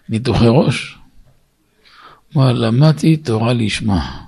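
A man, a rabbi, giving a Torah lesson in a storytelling way, asking and answering his own questions and rising high and loud to stress points. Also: vocal fry, slightly rough. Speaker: rabbi teaching a class.

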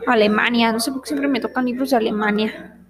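A young woman talks to herself in a casual vlog, slowly and haltingly sounding out German and English words as she studies. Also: a little high, fairly even intonation, a crowd in the background. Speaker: vlogger. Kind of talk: casual self-talk while studying languages.

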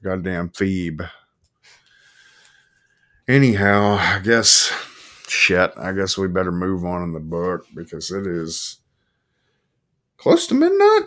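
A man hosting a podcast, rambling and swearing, with erratic jumps in pitch and pace. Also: fairly even intonation, takes it slowly, pauses often, sharp tone. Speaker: podcast host. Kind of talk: rambling casual chat.

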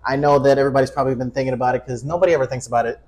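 In a racing, mid-range voice, a twenty-something male podcast host chats casually. He's profane and jokey, with animated self-interruptions throughout.

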